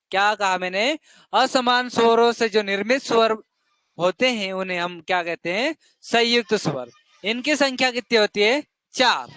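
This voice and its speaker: A man's voice: high voice, a bit bright, dry recording. Man teaching a class, dry room sound. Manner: repeats questions to the class, drills answers. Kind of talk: classroom lesson.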